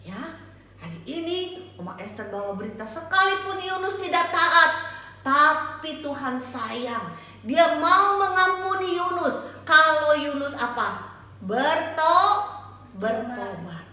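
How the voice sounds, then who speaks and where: A woman's voice: high voice, sing-song, slow pace, pushed and bright. An older woman teaching Sunday school, telling a Bible story animatedly, asking the children questions and singing snippets. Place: church hall. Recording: echoey church hall, from far off.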